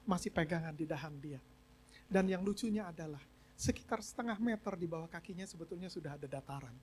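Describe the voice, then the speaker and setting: A man's voice: on the high side, quick pace, a little mellow, slight background noise. A man preaching a sermon as pastor, telling a story and mixing English phrases into his talk. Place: church service.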